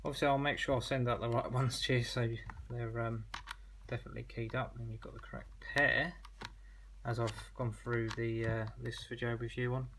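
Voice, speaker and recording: An online seller demonstrates a product informally, explaining in a chatty, somewhat hesitant manner. His mid-range male voice is fairly bright, holds a steady pitch at a normal pace, and there's slight background noise.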